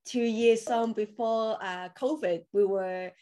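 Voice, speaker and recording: With a slightly high, warm voice and a slow pace, a crypto coach from Hong Kong chats about her story as a podcast guest. Her first language is Cantonese, and the casual interview is full of fillers and loose grammar.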